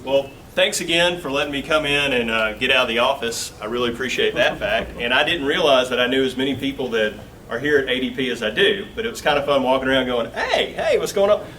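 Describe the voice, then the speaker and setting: A man's voice: medium pitch, fast, sharp tone. Folksy Southern man speaking from across a room. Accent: Southern US, Augusta Georgia. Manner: folksy and joking, with filler words. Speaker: guest speaker. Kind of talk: casual company talk. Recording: distant mic with faint room noise.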